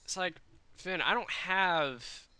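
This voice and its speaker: Bright-voiced man streaming a game. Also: sits high, slow pace, clear, resonant tone, no echo. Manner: casual, rambling, swears freely. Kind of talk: live gaming stream chat.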